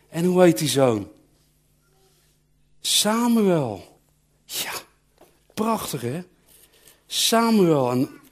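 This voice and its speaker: A man telling a Bible story to children in an animated way, asking them questions and acting out the voices of the characters. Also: sits high. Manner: animated, acts out characters' voices and calls, asks the listeners questions.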